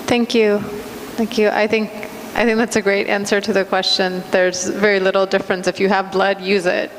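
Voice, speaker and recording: A woman's voice: mid-range voice, level tone, moderate pace. A woman acting as session moderator, summing up and taking questions at a conference. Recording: echoey hall with background noise.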